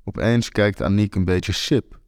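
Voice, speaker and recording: A young man telling a first-person story in a wry, deadpan way. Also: on the low side, a little slow, no echo, studio quality. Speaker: author and narrator.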